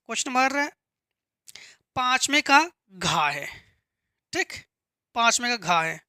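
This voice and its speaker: A woman's voice: on the high side, big pitch swings, slow pace, sharp tone, dry recording, studio quality. A woman teaching a chemistry lesson step by step, patiently asking and answering her own questions and repeating key terms. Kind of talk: classroom lesson explaining step by step.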